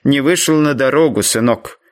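A man voicing a stern but gentle old colonel on a plantation, scolding his son slowly and mildly. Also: mid-range voice, close to an everyday voice. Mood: gentle reproach.

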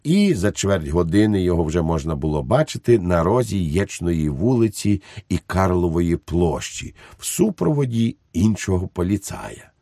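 A man narrating an audiobook in an expressive storytelling manner, recorded close to the mic. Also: low voice, dry recording. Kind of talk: scripted narration.

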